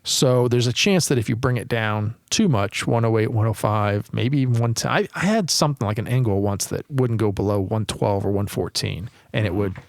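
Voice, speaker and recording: A man's voice: lowish voice, moderate pace, vocal fry, few pauses, no echo, clean studio sound. A man who repairs guitar amplifiers, chatting as a podcast guest, explaining technical details with lots of fillers and restarts. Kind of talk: casual technical chat.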